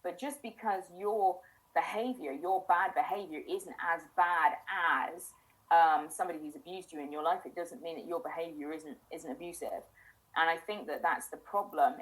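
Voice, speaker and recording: A woman's voice: deep voice, rough recording. A middle-aged woman hosting a casual chat, talking in a reflective, self-questioning way with frequent restarts. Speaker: host.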